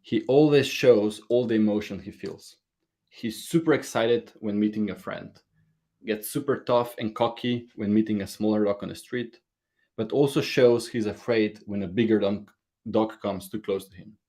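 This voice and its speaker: Guy giving a conference talk, kinda low voice, earnest and a bit nervous. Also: steady tone, moderate pace, mellow. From Slovenia. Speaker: conference speaker. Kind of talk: prepared talk.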